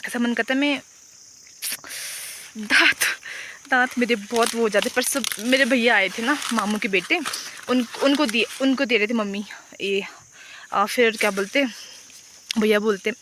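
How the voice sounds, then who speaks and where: Young woman, casual vlogger, bright chatty voice, rambling delivery, phone mic outdoors. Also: on the high side, unhurried, long pauses, slight background noise. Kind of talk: casual vlog chat. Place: outdoors at a rural home and fields.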